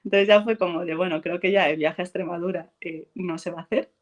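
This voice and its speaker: A woman's voice: lowish voice, fast, dull audio. A woman, an actress from Spain, chatting in an interview and telling anecdotes, acting out quoted lines and laughing often. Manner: animated storyteller, acts out quotes and laughs a lot. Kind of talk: casual interview chat.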